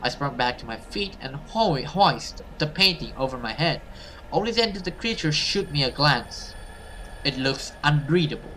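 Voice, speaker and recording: This gamer narrates a horror visual novel in a dramatic let's play, his voice high-leaning, bright and forceful with lively intonation at a moderate pace. He reads theatrically with offhand cursing, and the low-quality recording has a little hiss or hum.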